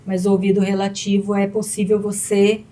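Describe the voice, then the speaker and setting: A woman's voice: medium pitch, completely flat delivery, moderate pace, dark tone. A Brazilian woman with a Brazilian Portuguese accent, a pianist and piano teacher, chatting as a guest in an interview with frequent fillers. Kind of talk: casual interview chat.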